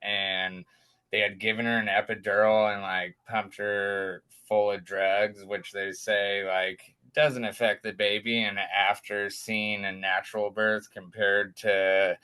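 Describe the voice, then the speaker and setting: Young dad talking slow and bright, lowish voice, acts out the quotes as he tells it. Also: clear, resonant tone. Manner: animated, acts out quotes with raised pitch. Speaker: podcast guest, father. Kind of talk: casual storytelling.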